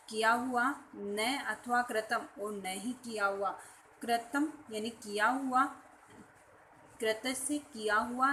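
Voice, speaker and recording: Slow, patient woman teaching verses. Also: on the high side, fairly bright tone, a little hiss or hum, low-quality recording. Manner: slow, explanatory, repeats each word with its meaning. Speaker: Sanskrit teacher. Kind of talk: online class lesson explaining verses.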